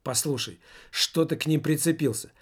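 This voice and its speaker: A man's voice: fairly high pitch, moderate pace, breathy edge. A man voicing a scornful male colleague who brushes off his friend's ideas. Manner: contemptuous, dismissive.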